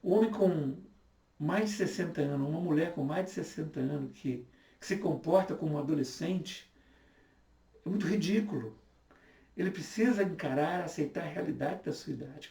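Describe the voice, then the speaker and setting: A man's voice: on the high side, creaky, warm tone. A man in his fifties preaching a sermon as a pastor, urging his listeners on in earnest and often repeating himself. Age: 50s. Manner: earnest, repetitive exhortation. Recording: echoey room, voice from far off.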